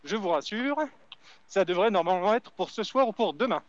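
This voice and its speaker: A man's voice: high-pitched, lively intonation, fairly quick, no room sound. A man caller chatting casually and chummily while running, out of breath. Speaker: guest caller. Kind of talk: casual joking chat. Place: on a run. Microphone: online audio call from phone. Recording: band-limited, dull online audio.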